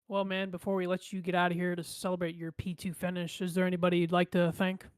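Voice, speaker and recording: A man interviewing a driver after a race, asking steady, formulaic questions. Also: sits high, fast talker, clean tone, no echo. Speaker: pit reporter.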